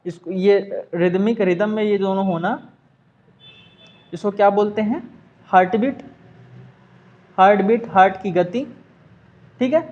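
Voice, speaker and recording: A man's voice: high-pitched, a little slow, pauses often, a little mellow. Man, Hindi accent, science teacher, repeats and quizzes himself, muffled lo-fi audio. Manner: repetitive, asks and answers own questions, mixes English terms. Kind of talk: class lesson.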